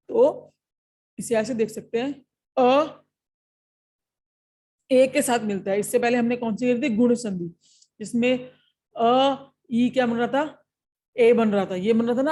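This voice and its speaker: A woman's voice: a little high, darkish tone. A woman with an Indian accent teaching an exam-prep lesson, explaining step by step and checking in often with her students.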